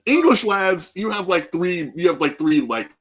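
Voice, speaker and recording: A man hosting a casual music podcast, talking in a loose, profane and animated way into a podcast mic. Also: sits high, moderate pace. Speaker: podcast host.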